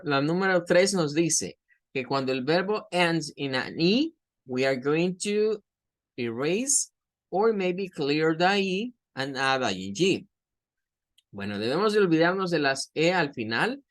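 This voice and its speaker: A man teaching English grammar in a patient, explanatory lecture, repeating example words slowly. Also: fairly high pitch, a bit bright.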